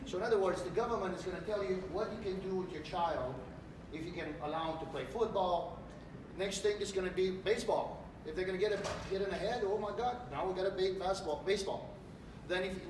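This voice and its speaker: A middle-aged man from Romania, a political candidate giving an animated campaign speech in a large hotel meeting room. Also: high-pitched. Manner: animated, gesturing while speaking. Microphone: far camera. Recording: echoey room, distant mic, background noise.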